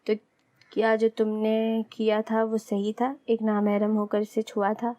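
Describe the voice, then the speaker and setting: A woman voicing a young man's inner heart, which questions him and gently reproaches him. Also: medium pitch, completely flat delivery, natural voice. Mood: probing.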